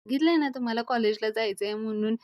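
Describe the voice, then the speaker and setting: A woman's voice: fairly high pitch, fast talker, darkish tone, no echo, lightly acted. Woman reading flustered young man, complaining, dry sound. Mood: annoyed. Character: irritated young man interrupted in the bath.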